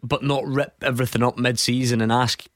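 A man hosting a radio sports phone-in, steering the talk with quick banter. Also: medium pitch, little pitch movement, no echo, studio quality.

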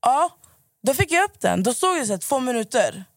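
Hoarse lady podcast host, rants and swears, kinda high voice, dry close sound. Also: very animated, no room sound. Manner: ranting, swears a lot. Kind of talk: casual podcast chat.

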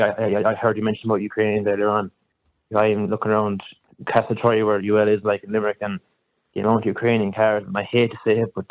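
A young man from Kerry with a West of Ireland accent calls a radio phone-in. He talks quickly and informally with little rise or fall, restarting his phrases, and his voice comes through a narrow phone line. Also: fairly low pitch, no echo. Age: young adult. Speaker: student caller to a radio phone-in. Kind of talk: casual radio phone-in chat.

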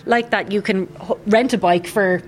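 A woman's voice: mid-range voice, fairly even intonation, moderate pace. Enthusiastic Waterford Irish woman. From Waterford, Ireland. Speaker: interview guest. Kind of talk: casual, enthusiastic chat. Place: hotel, on location. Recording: faint background ambience.

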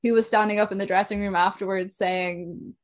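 A woman's voice: medium pitch, fairly even intonation, fairly quick. A young woman with a west of Ireland accent, hosting a casual podcast interview. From Sligo, west of Ireland.

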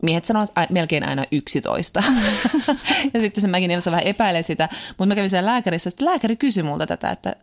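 A woman's voice: lowish voice, expressive. A woman co-hosting a casual chat show, playful and teasing, laughing easily. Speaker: podcast co-host.

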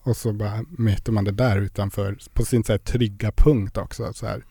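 Young man, chatty storyteller, low dark voice, dry close sound. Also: steady tone, slightly rough, no echo. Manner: chatty storytelling with many fillers. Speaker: podcast guest. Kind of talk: casual interview chat.

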